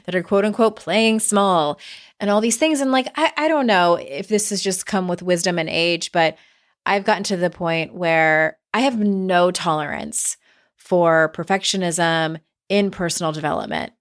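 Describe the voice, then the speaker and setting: A middle-aged woman hosting a casual solo podcast, candid and conversational, with some vocal fry in her voice. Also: fairly low pitch, expressive, normal speed. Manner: candid, conversational, with mild swearing. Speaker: podcast host and self-help author.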